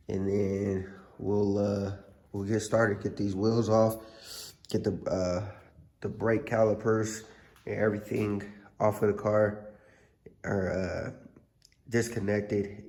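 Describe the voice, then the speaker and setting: A man hosting a casual car repair vlog in a workshop, talking in a laid-back, slangy way with a hoarse, under-the-weather voice. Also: fairly low pitch, mellow.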